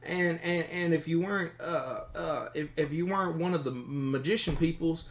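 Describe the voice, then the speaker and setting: A man's voice: on the high side, normal speed, pitched above the performer's own voice, lightly acted. A man voicing a nervous, stammering captive bandit who speaks in a raised, anxious voice.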